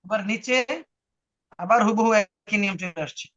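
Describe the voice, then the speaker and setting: A man's voice: sits high, steady tone, normal speed, fairly bright tone. A man teaching a spoken language lesson, patiently explaining rules and repeating them for his student. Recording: muffled lo-fi online recording.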